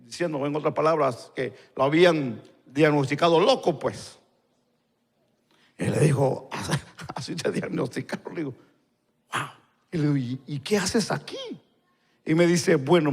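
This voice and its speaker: A male pastor, telling a story in a live sermon and acting out the dialogue in quieter voices. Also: on the high side, creaky. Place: church hall. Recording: long church-hall reverb.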